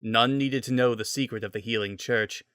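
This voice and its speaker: A man's voice: mid-range voice, fairly even intonation, moderate pace, fairly bright tone, clean tone, no room sound, clean studio sound. A man reading a scripted story as its narrator, in a dramatic style.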